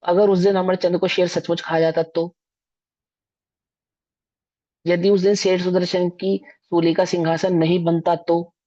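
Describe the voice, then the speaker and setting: A man's voice: high voice, little pitch movement, normal speed, warm tone. A man giving a religious discourse as a scripture teacher, emphatic and full of rhetorical questions to his listeners. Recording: dull lo-fi recording.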